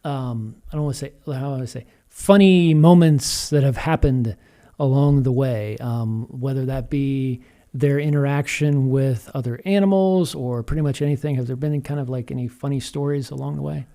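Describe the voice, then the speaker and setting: A podcast host with a dark, mid-range voice conducts a casual interview at a moderate pace. His questions are hesitant and roundabout, full of fillers and frequent restarts.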